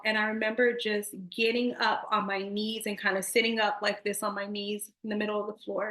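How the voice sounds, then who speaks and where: A woman's voice: medium pitch, sharp tone. A woman in her thirties giving an earnest, emotional personal faith testimony, speaking directly to her viewers. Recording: echoey room.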